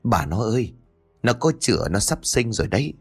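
A gentle old village scholar, as a storyteller puts him on, murmuring low and calm with a kindly, patient air. His voice rises and falls in a lively way. Soft music plays faintly behind him. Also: fairly quick, husky, full character voice.

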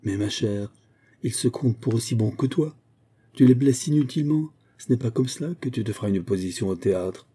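A man's voice: mid-range voice, a little fast, warm tone, slightly rough, close to an everyday voice. A man voicing an irascible old Italian singing master who scolds and lectures his pupil. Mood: lecturing. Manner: exasperated, scolding.

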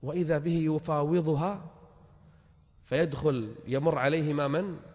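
A man's voice: a little high, steady tone, moderate pace, darkish tone. A man preaching a sermon, telling stories with impassioned, swelling emphasis. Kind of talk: sermon storytelling. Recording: long hall reverb.

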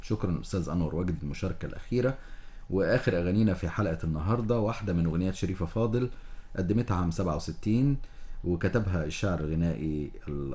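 A man with an Egyptian accent hosting late-night radio, talking to listeners like a DJ in an unhurried, hesitant way. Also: low voice, dark tone. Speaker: radio show host. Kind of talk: late-night radio DJ talk, thanking listeners and introducing songs.

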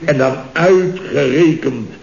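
Rambling boss of a building firm, 1960s radio comedy, dull roomy old recording. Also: male voice, on the high side, takes it slowly, gravelly, a little mellow, exaggerated voice. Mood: jovial, rambling. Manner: rambling, jovial storytelling with many asides. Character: chatty boastful male construction firm boss.

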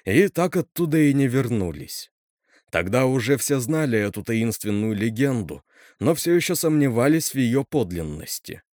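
A man's voice: mid-range voice, very animated, moderate pace, dry recording, studio quality, lightly acted. A man voicing a stern, grim male teacher who talks bluntly and scolds, in a read-aloud horror story. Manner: blunt, scolding, snaps loudly.

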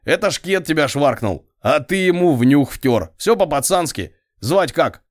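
A man's voice: fairly high pitch, sing-song, unhurried. A man voicing a cold, laconic street gang leader who drawls his vowels. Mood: gruff, conciliatory.

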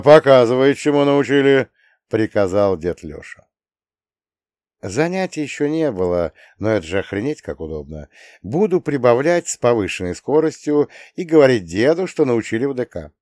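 A man's voice: medium pitch, sing-song, moderate pace, darkish tone, dry recording, studio quality. A man narrating an audiobook in a wry, ironic manner.

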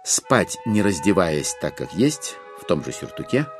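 Over music, a man with a low-sitting voice narrates a classic novel as a theatrical audiobook. He reads in a wry, expressive way, using deliberate pauses.

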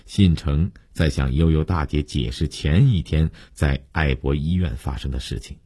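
A man narrating a story in a steady, measured audiobook style. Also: rumbling low, breathy edge, dry recording, studio quality.

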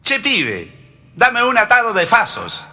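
A man's voice: high-pitched, huge pitch swings, slow pace, pushed and bright, voice pushed up, full character voice. Man doing a breezy Argentine shopper, put-on accent. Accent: Argentine Spanish (put on). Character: Argentine man buying cigarettes, casual.

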